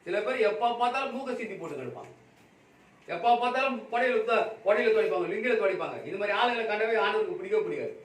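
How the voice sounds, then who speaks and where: A man preaches a Sunday sermon in a high, carrying voice, hammering the same phrases again and again. His delivery swings between loud raised exhortation and quiet, low stretches. He is picked up from a distance in an echoey hall with a faint hum behind him. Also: fast. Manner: emphatic preaching with repeated phrases. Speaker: pastor. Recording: echoey room, from far off, faint background noise.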